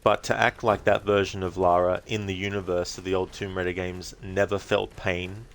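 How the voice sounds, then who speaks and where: A game streamer with a deep voice and flat delivery offers casual, reflective livestream commentary. He speaks haltingly, in short phrases.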